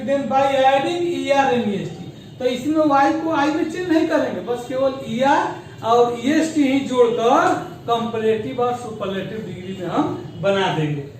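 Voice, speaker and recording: A man teaching an English grammar lesson, explaining slowly and spelling out words syllable by syllable, mixing English terms into Hindi. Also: very high voice, distant mic, a little hiss or hum. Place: school classroom. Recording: very echoey room, voice off-mic.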